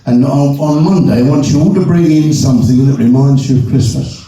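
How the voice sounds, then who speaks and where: A man's voice: medium pitch, a little fast, warm tone, lightly acted. Exasperated female teacher, prim and scolding, put on by a man; distant, roomy hall sound. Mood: cheerful. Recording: echoey hall from far off.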